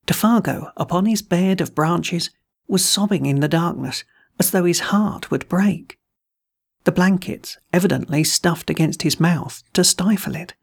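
A gravelly, husky voice reads a classic ghost story aloud. The delivery is measured and deliberate, as a host narrating a tale. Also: medium pitch. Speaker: host and reader of a horror story.

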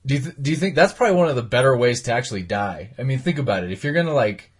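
A man's voice: medium pitch, lively intonation, rapid-fire, slightly rough. A man hosting a casual comedy podcast, rambling and laughing as he talks. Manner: rambling, laughs often, acts out voices in stories. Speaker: podcast host.

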